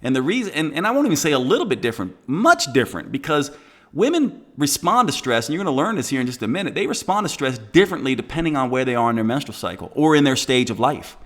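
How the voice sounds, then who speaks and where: A man in his forties telling his story to fitness trainers in an energetic teaching talk, often asking the audience rhetorical questions. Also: medium pitch, fast. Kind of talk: direct-to-camera teaching talk.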